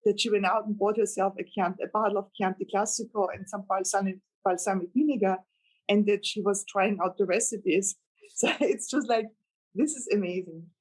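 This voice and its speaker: Through poor audio, a woman novelist from Austria, German being her native tongue, speaks Austrian-accented English in a relaxed interview chat. Her medium pitch has fairly even intonation and a moderate pace, and she's earnest, rambling, and quick to laugh with delight.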